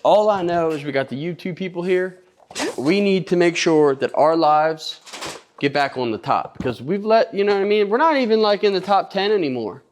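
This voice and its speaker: A middle-aged man who runs a toy store, chatting casually and joking, his voice dropping low and quiet when he explains things. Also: lively intonation, normal speed, a little hiss or hum. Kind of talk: casual chat.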